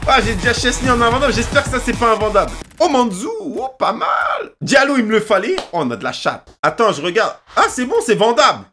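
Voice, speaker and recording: A young man commenting as he opens packs in a game, often shouting and repeating names in excitement. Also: very high-pitched, fast talker, few pauses, soft background music. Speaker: gaming video creator. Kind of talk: excited pack-opening commentary.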